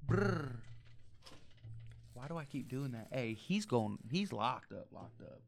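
A man co-hosting a casual podcast, telling stories with animated slang. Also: mid-range voice, normal speed, gravelly, slight background noise. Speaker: podcast co-host. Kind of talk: casual stoner chat.

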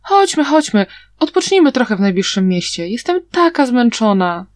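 A woman reading a sly young girl who fakes blindness, in a high, wheedling tone. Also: very animated, brisk, a little mellow, no echo. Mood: coaxing.

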